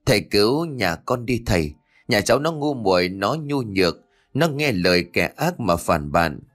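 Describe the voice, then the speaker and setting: A man's voice: fairly low pitch, very animated, normal speed. A man voicing a desperate, tearful elderly woman's ghost who begs for help in a storybook reading. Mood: pleading. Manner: begging, tearful.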